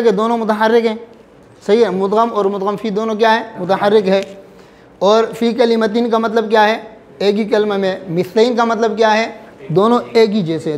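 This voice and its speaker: High-voiced man teaching recitation rules. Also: a little mellow. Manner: drills students with repeated check questions; spells out letters and slowly recites examples. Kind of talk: classroom lesson.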